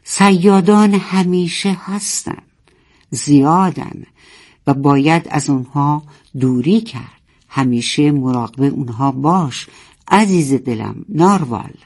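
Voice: mid-range voice, animated, darkish tone, lightly acted. Stern father whale, as a storyteller puts him on. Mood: warning. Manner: slow, measured and weighty. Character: big old father whale, gentle but stern.

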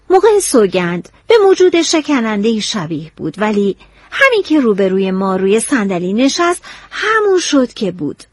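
A woman narrating a novel in a storytelling, expressive way. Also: medium pitch, breathy edge, no echo.

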